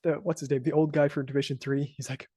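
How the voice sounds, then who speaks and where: Man, slightly high voice, dry close sound, lively podcast co-host. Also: fast talker, husky, no echo. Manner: animated, acts out quoted lines and laughs. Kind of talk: casual podcast discussion.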